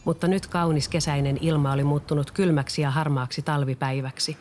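A storyteller reads a children's storybook aloud in a calm, steady voice of middle pitch. The narration stays even and unhurried throughout. A faint layer of background noise sits under the voice.

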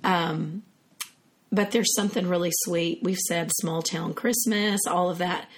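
A woman co-hosting a podcast in casual chat, her voice raspy and hoarse, talking in an earnest, heartfelt way. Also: lowish voice, steady tone, measured pace. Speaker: podcast co-host.

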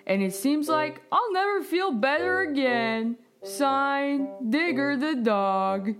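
A sick, bored young pup, played by a woman, talks in a slightly raised, unhurried voice. He stays folksy and polite through his cough, and music plays steadily behind him in this children's story podcast. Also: sits high, expressive. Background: background music.

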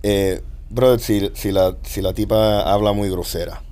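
A man in a casual group chat, telling stories in a relaxed way. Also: lowish voice, a little slow, clear, resonant tone. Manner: relaxed storytelling.

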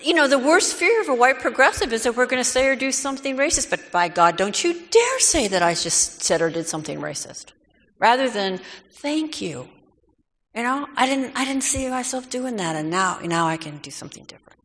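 A woman lectures to a room, her tone bright and forceful, throwing herself into mocking quoted lines. The recording carries the long echo of a big lecture hall. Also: a little high, brisk. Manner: animated, mocking quoted voices. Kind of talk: lecture to a live audience.

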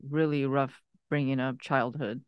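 A man from Iran, a podcast guest, telling his life story in an earnest, candid way with some halting starts. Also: medium pitch, steady tone, smooth, no room sound, dull audio. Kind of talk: personal story, conversational.

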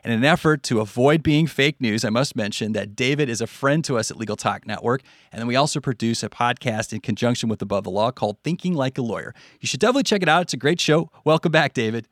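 A man's voice: mid-range voice, quick pace, few pauses, no room sound, studio quality. A man with an American accent hosting a podcast from a script. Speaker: stand-in podcast host.

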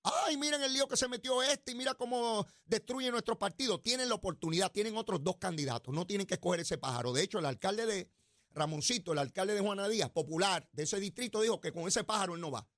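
A middle-aged man with a Puerto Rican accent hosting a political talk show, combative and mocking, swinging between loud and quiet, talking into a studio mic. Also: high voice, fast, no room sound. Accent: Puerto Rican Spanish. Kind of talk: political commentary monologue.

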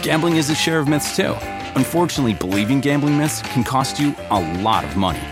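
Male announcer, scripted ad read, mid pitch, clear music bed. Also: expressive, fast talker. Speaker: commercial announcer. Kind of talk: scripted ad narration.

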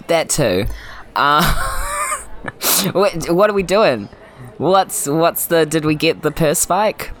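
A tabletop role-player talks casually and improvises with wry humor. The voice is mid-pitched and swings around in an animated way. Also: slow, pauses often, rough recording. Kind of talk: casual improvised game chat.

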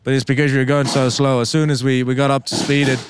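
A young man from Denmark, a racing driver, answering interview questions in a halting way with many repeated words and ums; his first language is Danish. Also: medium pitch, little pitch movement, background noise.

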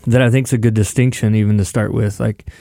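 A man's voice: fairly low pitch, steady tone, brisk, creaky, mellow, no echo, studio quality. A man in his forties, chatting casually as a podcast guest, thoughtful with some joking. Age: 40s. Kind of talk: casual chat.

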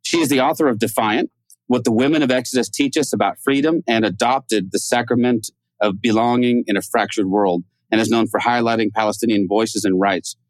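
A man's voice: medium pitch, fairly even intonation, fairly quick, no room sound. A man co-hosting a casual podcast interview, chatty and self-deprecating, with frequent stumbles and restarts. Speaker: podcast co-host.

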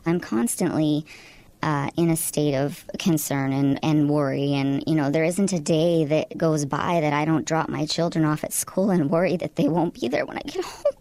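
Woman with a disguised deep voice. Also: dark tone, no echo, poor audio. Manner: hesitant, halting, many fillers. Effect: voice disguised to sound deep. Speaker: interview guest. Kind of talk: radio interview. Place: radio studio.

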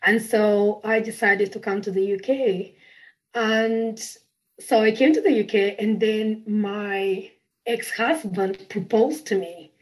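A Bulgarian-accented woman in her thirties chats casually as a podcast guest in an interview, bubbly and often laughing at herself. Her mid-range voice moves slowly, and the recording sounds rough.

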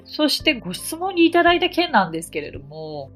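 A woman from Japan, an English teacher, hosts an English-learning podcast in a high, sing-song, slightly bright voice, talking a little fast. She explains phrases in a chatty, encouraging manner with everyday examples, and faint music plays behind her.

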